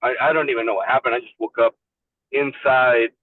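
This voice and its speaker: A man's voice: mid-range voice, fairly even intonation, brisk, no room sound. A man from Mexico calling in on a car speakerphone while driving, telling his story in a candid, loose way. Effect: car speakerphone call. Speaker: support group member. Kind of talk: casual personal story. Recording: tinny phone line, distant mic in a car.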